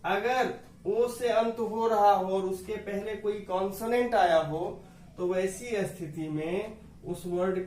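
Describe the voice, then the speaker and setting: Man, high voice, patient grammar teacher, echoey room heard from a distance. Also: takes it slowly, a little mellow. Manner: patient, repeats rules, addresses dear students. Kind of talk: classroom explanation to students.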